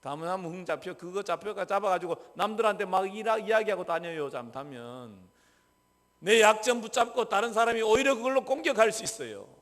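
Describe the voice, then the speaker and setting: A man pastor preaching a sermon in a church, questioning the congregation and answering himself, dropping from loud emphasis to soft asides. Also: high voice, lively intonation, brisk. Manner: swings between loud emphasis and soft, near-whispered asides. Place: church sanctuary. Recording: long reverb of a church hall.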